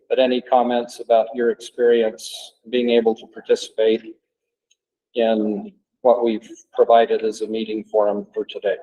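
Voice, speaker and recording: A man chairing a public committee meeting, running through agenda items and inviting comments in a measured, procedural way. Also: mid-range voice, dark tone, poor audio.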